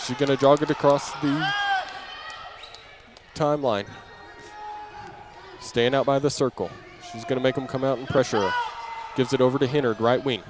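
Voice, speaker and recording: A play-by-play announcer calls a live basketball game for radio from inside a gym, his mid-range voice steady and delivered at normal speed. He speaks in short, clipped phrases with frequent pauses, getting louder as the action builds. Crowd noise, bouncing balls and the noisy gym ambience fill the background.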